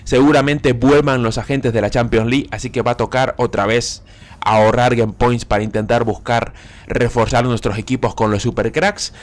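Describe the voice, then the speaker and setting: Excitable man narrating a game. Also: medium pitch, normal speed. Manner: animated, repeats phrases, cries out at big pulls. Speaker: gaming YouTuber. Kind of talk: excited gameplay commentary. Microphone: desk microphone.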